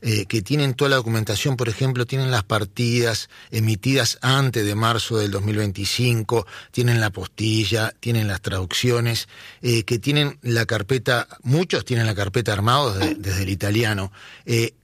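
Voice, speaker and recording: Entrevistador uruguayo de voz grave y seca. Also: male voice, on the low side, normal speed, a bit bright, dry recording. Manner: affirming with short backchannels. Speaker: interviewer. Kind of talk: interview questions.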